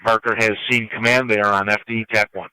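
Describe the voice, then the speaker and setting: American guy doing urgent fire radio dispatch, lowish monotone voice, clipped and official, scanner sound. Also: brisk, smooth, no room sound, low-quality recording. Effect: two-way radio transmission. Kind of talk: formal radio dispatch announcements.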